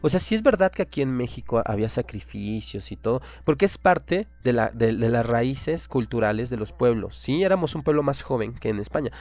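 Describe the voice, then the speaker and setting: A man's voice: mid-range voice, animated, brisk, hardly any pauses, darkish tone. A man with a Mexican accent hosting a radio show, delivering an impassioned, opinionated monologue full of rhetorical questions.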